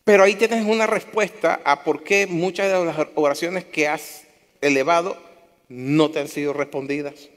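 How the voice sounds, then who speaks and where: A man's voice: a little high, fairly even intonation, normal speed. A man preaching a sermon to his congregation, impassioned, repeating phrases for emphasis. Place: church hall. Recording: long hall reverb.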